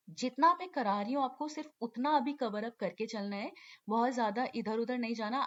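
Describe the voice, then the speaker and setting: A woman teaching shorthand in an online lesson, patiently repeating key terms and checking in often. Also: a little high. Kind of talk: online lesson explaining step by step. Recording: lo-fi dull recording.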